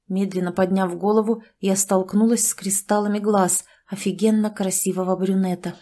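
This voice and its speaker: A woman narrating a fantasy audiobook with expressive, measured storytelling. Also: mid-range voice.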